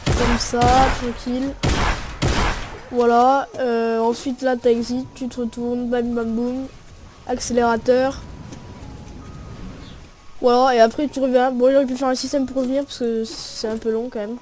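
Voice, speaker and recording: Relaxed slangy young woman, higher voice. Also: measured pace, long pauses, noisy background. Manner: slangy and relaxed, narrating with spoken shot noises. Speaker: gaming video creator. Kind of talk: casual gameplay tutorial commentary. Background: music and gunfire from the game.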